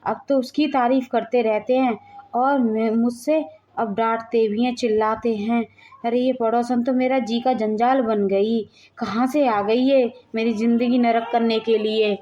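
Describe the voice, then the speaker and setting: A woman's voice: a little high, steady tone, measured pace, warm tone, highs cut off, lightly acted. A woman voicing a put-upon wife who grumbles and complains. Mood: sulky complaining. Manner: whining, grumbling.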